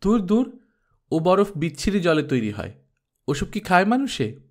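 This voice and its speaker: A fond mother scolds her small daughter gently, her chiding full of warmth, voiced by a male audiobook reader. Her voice lifts higher than his narration and moves unhurriedly. This is a storybook character voice. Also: big pitch swings, unhurried, exaggerated voice. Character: affectionate scolding mother, middle-aged woman.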